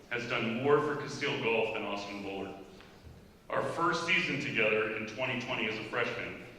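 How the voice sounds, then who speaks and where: A middle-aged man, a high school golf coach, giving a heartfelt ceremony speech that nearly brings him to tears. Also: sharp tone. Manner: heartfelt, near tears at times. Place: school hall. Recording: echoey hall, voice from far off, faint noise.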